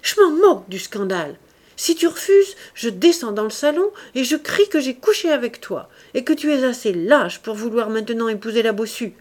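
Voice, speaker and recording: For an audiobook of a classic novel, a woman gives a fierce young woman an imperious, threatening voice that gets loud. She speaks at medium pitch with lively intonation and a moderate pace, acting only lightly.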